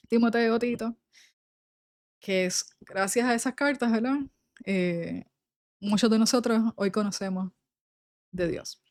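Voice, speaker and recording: A young woman gives a Bible study, reading passages aloud and then explaining them in an easy, conversational way. Her voice sits a little high, and it is recorded close and dry with no room sound. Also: a little mellow, no room sound. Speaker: Bible teacher.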